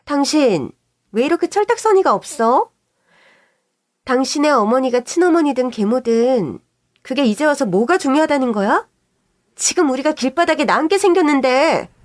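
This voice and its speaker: A woman's voice: sits high, expressive, darkish tone, no echo, clean studio sound. A woman voicing a pushy, scheming middle-aged sister-in-law who wheedles and snaps. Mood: angry. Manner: pushy, wheedling, quick to snap.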